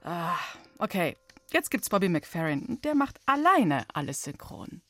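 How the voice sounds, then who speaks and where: Teasing low-voiced woman radio host. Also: very animated, unhurried, pushed and bright. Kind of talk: casual studio banter and presenting.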